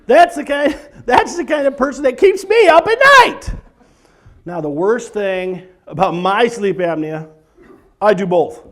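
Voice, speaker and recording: A middle-aged man doing stand-up comedy for a church audience, animated and exaggerated, breaking into sudden shouts. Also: high-pitched, unhurried. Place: church event hall before a live audience.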